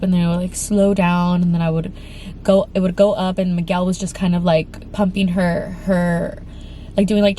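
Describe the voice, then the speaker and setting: A young woman with a congested, medium-pitched, slightly mellow voice tells a frightening story in an emotional storytime vlog. She rambles, filling her speech with fillers and restarts. A faint hiss or hum sits in the background.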